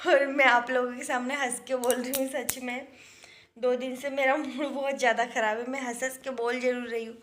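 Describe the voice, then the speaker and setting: High-voiced young woman vlogging casually. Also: flat delivery, fairly quick, a bit bright, slight background noise. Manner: chatty, rambling, many fillers. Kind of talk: casual daily vlog.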